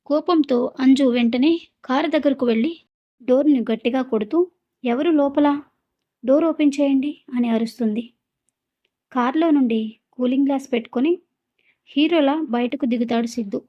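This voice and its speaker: Sex: female. Role: storyteller. Style: scripted story narration. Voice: fairly high, mellow. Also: highs cut off. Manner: steady, even storytelling.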